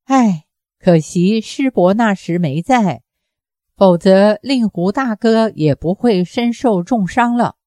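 A woman reading the lines of a young, gentle female nun in an audiobook, speaking softly with a choked-up, pleading manner. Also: medium pitch, expressive, takes it slowly, no room sound. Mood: sad.

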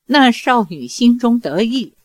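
A woman narrating a martial-arts novel aloud in a slow, measured storytelling style. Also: fairly high pitch, sing-song, dry recording.

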